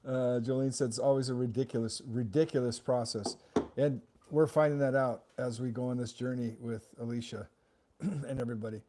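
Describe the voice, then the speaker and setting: A man's voice: mid-range voice, fairly even intonation, fairly quick, warm tone, a little hiss or hum. A man co-hosting a casual livestream chat, earnest and sympathetic, who also reads viewer comments aloud. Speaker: co-host.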